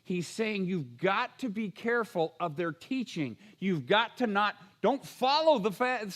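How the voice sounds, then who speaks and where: A man preaching a sermon as pastor, animated, asking rhetorical questions and acting out the voices of the people he quotes. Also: sits high.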